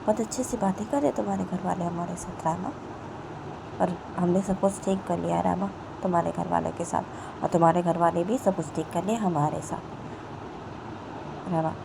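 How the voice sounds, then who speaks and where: A woman's voice: lowish voice, fairly even intonation, moderate pace, vocal fry, background noise. A woman voicing an anxious young woman who fusses and pleads again and again. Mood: pleading. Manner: fussing, repeats pleas over and over.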